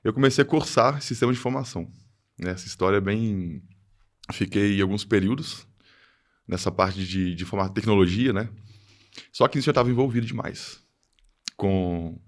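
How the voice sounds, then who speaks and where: A man's voice: lowish voice, normal speed, pauses often. A man, a podcast guest telling his story in casual chat, hesitant with many fillers and restarts. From Minas Gerais, Brazil.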